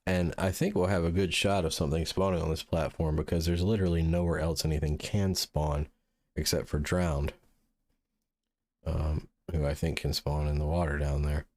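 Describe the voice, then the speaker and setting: A man hosting a gaming channel, musing through relaxed gameplay commentary and sounding sleepy. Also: rumbling low, moderate pace. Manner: mellow, musing, thinks aloud with restarts. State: sleepy, yawning.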